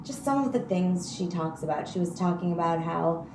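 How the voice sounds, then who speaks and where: A woman's voice: fairly low pitch, expressive, moderate pace, darkish tone. A young woman co-hosting a podcast, chatting in a gossipy, teasing way. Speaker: podcast co-host. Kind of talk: casual chat. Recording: echoey room, faint background noise.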